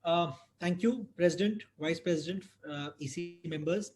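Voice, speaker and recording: Higher-voiced Indian man moderating a talk. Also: normal speed, a little mellow. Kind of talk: formal introduction and moderating of an online talk.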